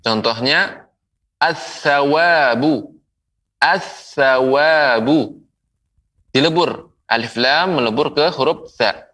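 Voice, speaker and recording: Slow-reciting male Quran teacher, bright tone. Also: medium pitch, recorded from a distance. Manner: slow, drawn-out recitation of example words, repeated for listeners; patient, explanatory, asks the audience questions and answers them. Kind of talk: televised Quran reading lesson.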